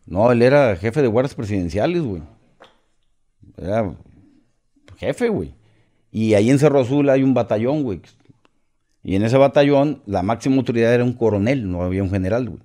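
A man's voice: mid-range voice, animated, fairly quick, pauses often, mellow. A middle-aged man from Mexico with a Mexican accent, a podcast guest telling a story in casual, profane slang and acting out the other voices.

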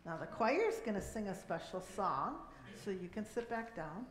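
A woman's voice: medium pitch, expressive, normal speed. A woman giving friendly directions to the congregation during a church service, picked up from a distance in the sanctuary. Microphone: distant room mic. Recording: echoey church from far off.

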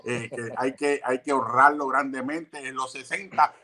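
A man's voice: mid-range voice, steady tone, moderate pace, sharp tone. A man hosting a casual podcast interview, effusive and admiring toward his guest. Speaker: host.

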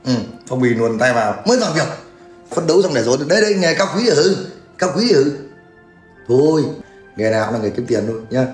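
A man's voice: mid-range voice, big pitch swings, fairly quick. A man, ranting crudely and mockingly in a livestream. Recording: echoey room with faint music.

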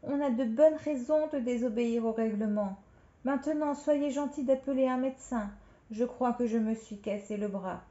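A woman voicing a kind, small female library director with a gentle, high voice, in a storybook reading recorded in a roomy space on a dull, lo-fi recording. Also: moderate pace, natural voice. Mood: pained.

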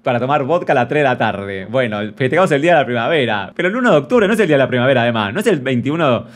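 A man's voice: medium pitch, very animated, racing, lightly acted. A man with a Rioplatense Spanish accent playing a brash, gossipy female friend character, reading out a viewer's story and mocking it in a camp, theatrical way. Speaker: comedy creator reading viewer anecdotes in character. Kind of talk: character comedy monologue.

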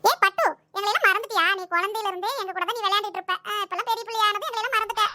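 A woman's voice: very high-pitched, very fast, background noise. A woman voicing a chatty, teasing young schoolgirl in a cartoon. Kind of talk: cartoon voice acting.

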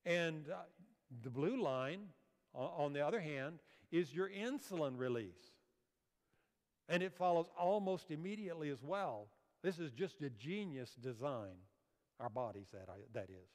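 Speaking at a measured pace, this older man sounds animated, his voice fairly high with a darkish tone. He is lecturing at a health seminar from a church auditorium stage, walking through slides and putting questions to the audience. The hall adds a long reverb.

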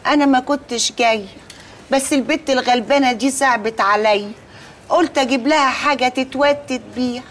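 An actress playing a loud, meddling, middle-aged working-class auntie who speaks Egyptian Arabic and trades folksy rhyming quips, in a TV comedy. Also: female voice, sits high, a little fast, slight background noise, natural voice. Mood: brash. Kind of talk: TV comedy acting. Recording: TV soundtrack with music underneath.

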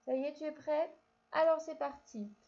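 A woman's voice: sits high, warm tone, muffled recording. A woman teaching a reading lesson to young children, speaking patiently and stretching out syllables. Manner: slow, patient, drawn-out syllables, addresses child directly. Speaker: primary school teacher.

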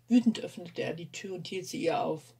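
A woman reading a novel aloud in a lively, expressive way. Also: fairly low pitch, brisk, slightly rough. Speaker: audiobook reader.

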